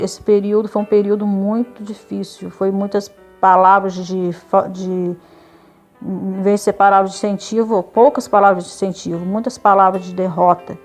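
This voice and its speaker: Woman giving a heartfelt testimony. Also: medium pitch. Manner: emotional storytelling, retelling dialogue with quoted voices. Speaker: church member giving testimony. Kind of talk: religious testimony.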